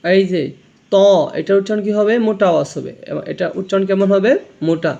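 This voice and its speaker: A man with a high-sitting, gravelly, darkish voice talks fast on a muffled recording. He teaches a Quran reading lesson, a slow spoken lesson on letter pronunciation, explaining how each letter sounds and repeating it for learners to copy.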